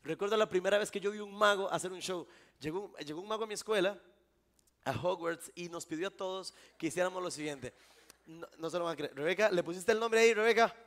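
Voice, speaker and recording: A man's voice: high voice, fairly quick, a bit bright. A Costa Rican man performing a live magic trick on stage, joking with a volunteer and the crowd. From Costa Rica. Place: live event before an audience.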